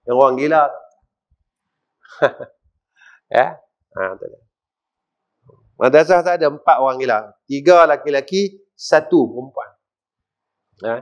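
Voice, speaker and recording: A middle-aged man with a northern Malaysian accent giving a mosque lecture, asking the audience questions and swinging between loud and quiet. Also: mid-range voice, a little slow, long pauses. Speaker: religious teacher. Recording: dull lo-fi recording.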